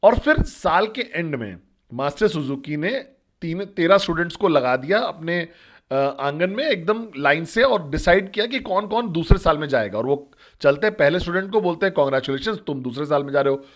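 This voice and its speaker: Male motivational trainer, slightly higher voice, direct, talks straight to his listeners. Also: expressive, moderate pace. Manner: direct, asks listeners questions. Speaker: network marketing trainer. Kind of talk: motivational storytelling talk.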